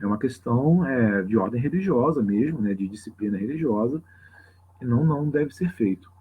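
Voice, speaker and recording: Over lo-fi, somewhat dull livestream audio, a man with a Brazilian Portuguese accent and a husky, mid-range voice teaches a live open religious class. He talks a little fast with lively intonation, explaining casually off the cuff and often checking in through tag questions.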